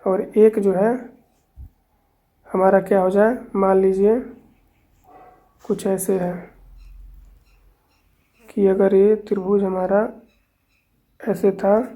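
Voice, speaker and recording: A woman's voice: mid-range voice, flat delivery, takes it slowly, long pauses, warm tone. A woman teaching a math lesson, explaining step by step and counting aloud with frequent checks. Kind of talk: explaining on a board.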